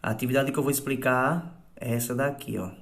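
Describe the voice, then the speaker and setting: A man's voice: medium pitch, steady tone, gravelly. A man teaching a recorded class lesson to children, explaining patiently step by step and often checking "tá bom?" with his pupils. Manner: acts out sample exclamations in a raised, drawn-out voice.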